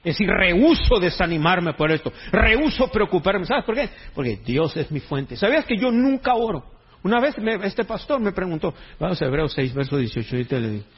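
A pastor preaches with a casual, joking tone and street slang. His voice sits high and sounds husky. The recording is dull and lo-fi. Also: big pitch swings, brisk. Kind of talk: sermon.

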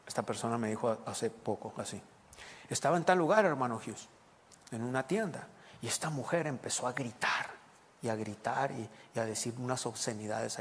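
A man's voice: medium pitch, slight background noise. A man preaching a sermon as pastor, explaining scripture and putting questions to the congregation. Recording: long reverb of a large hall.

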